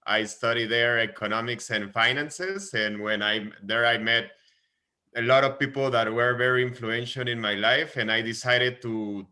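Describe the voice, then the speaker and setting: A man's voice: medium pitch, sharp tone. A man in his twenties from Guatemala with a Guatemalan Spanish accent, earnestly telling his story as a podcast guest and often repeating words as he searches for phrasing. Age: 20s. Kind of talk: casual podcast interview.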